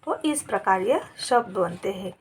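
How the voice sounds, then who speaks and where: A woman's voice: mid-range voice, animated, moderate pace, slightly rough. A woman teaching a grammar lesson, going through examples word by word in a patient, dictating manner.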